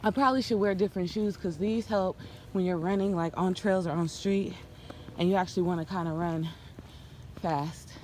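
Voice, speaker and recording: A woman's voice: on the low side, fairly even intonation, normal speed, darkish tone. Lady vlogging out of breath mid run on a trail, noisy outdoor phone audio. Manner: talking out of breath while out running and walking. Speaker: vlogger and runner. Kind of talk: casual outdoor vlog chat. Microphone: handheld phone.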